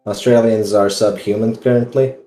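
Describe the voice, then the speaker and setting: A man taking part in an online tabletop game trades wisecracks in loose, casual banter. His voice is mellow and dark in tone. The mic picks up a roomy, echoey space around him. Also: lowish voice, steady tone, moderate pace, soft background music. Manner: wisecracking, joking. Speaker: player.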